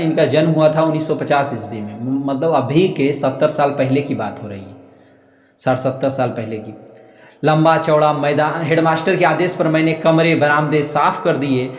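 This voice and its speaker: A man's voice: on the high side, moderate pace. A man with a Bihari Hindi accent teaching students a literature chapter, reading passages aloud and then explaining them in simple words. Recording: echoey room with long reverb.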